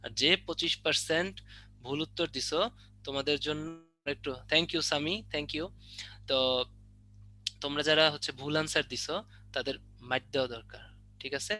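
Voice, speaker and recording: A man's voice: fairly high pitch, fairly even intonation, moderate pace, pauses often, bright, forceful tone. A young man teaching a biology exam-prep lesson online, drilling questions and teasing students with mock threats. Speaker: biology tutor.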